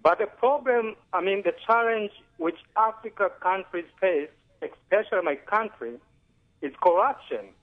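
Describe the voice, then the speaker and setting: A man from Tanzania calling in to a radio talk show, speaking earnestly with many pauses and fillers. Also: sits high, expressive. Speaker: caller. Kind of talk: phone-in call. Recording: tinny phone line.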